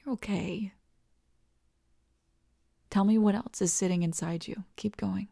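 This is a woman's ASMR roleplay as a loving, devoted young girlfriend, her mid-range voice holding a steady tone. Slow and soothing, she frequently drops to a whisper, and a gravelly fry runs through her soft delivery.

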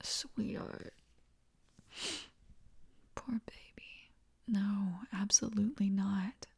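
In an ASMR roleplay, a woman voices a tender, devoted young girlfriend, fully in character at a medium pitch. She speaks slowly and reassuringly, her soft voice often slipping into whispers with a gravelly vocal fry.

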